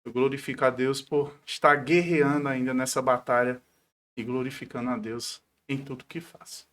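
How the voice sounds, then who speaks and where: A pastor of about forty from Paraíba, in northeastern Brazil, gives a devout personal testimony as a guest in a conversational interview, often adding short tag questions. His voice is medium-pitched and steady with a fairly bright tone, at a normal speed.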